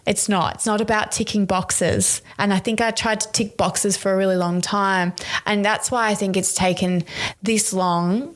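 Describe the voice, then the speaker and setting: A woman's voice: medium pitch, steady tone, normal speed. A young adult woman speaking as a podcast guest, talking in an earnest, heartfelt way with many casual fillers. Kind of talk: candid podcast conversation.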